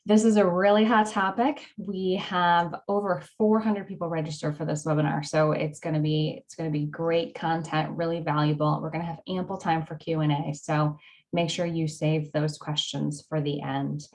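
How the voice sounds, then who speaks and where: A woman's voice: low-pitched, steady tone, moderate pace, darkish tone, poor audio. A woman opening a webinar as host, upbeat and friendly, with frequent ums. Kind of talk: scripted webinar introduction.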